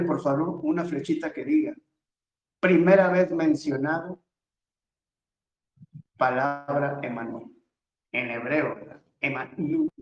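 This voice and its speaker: A man's voice: fairly high pitch, reverberant, muffled recording. A man giving a verse-by-verse scripture lesson, methodically telling his listeners which words to underline and circle. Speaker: Bible teacher.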